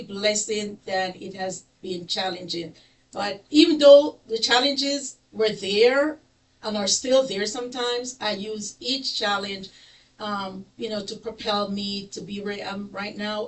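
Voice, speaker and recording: A middle-aged Jamaican woman hosts a talk show, giving an easygoing, warm, chatty monologue packed with "you know" fillers. Her mid-range voice sits a little off-mic and far from the microphone, and the recording is rough.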